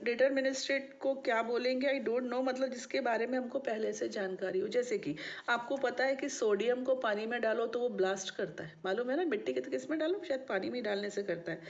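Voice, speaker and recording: A woman teaching a maths lesson to students, often checking that they have understood. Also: a little high. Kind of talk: classroom lecture. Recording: dull lo-fi recording.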